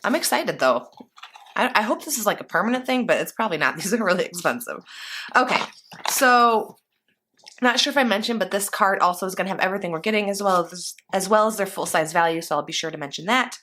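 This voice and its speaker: A woman vlogger unboxes a beauty box while chatting casually to camera, rambling with fillers. She sounds a little congested from allergies, and her medium-pitched voice is sharp, animated and fast.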